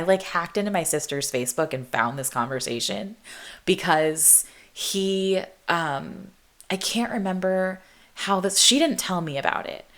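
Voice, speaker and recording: A woman's voice: deep voice, fairly bright tone. A young woman hosting a podcast, telling a story from her teens in a rambling way, full of "like" and "um", with frequent laughs. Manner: rambling, self-interrupting, laughs between thoughts; heavy use of "like" and "um". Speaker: podcast host. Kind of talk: casual storytelling monologue.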